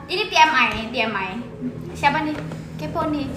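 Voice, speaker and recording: A teenage girl hosts a school podcast with a high, light voice, teasing her guest and chiming in with quick agreements. The recording is roomy and echoey, with a clear hiss of background noise underneath. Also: expressive. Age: teens. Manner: playful, teasing, lots of quick backchannel. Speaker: student podcast host. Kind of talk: casual chat.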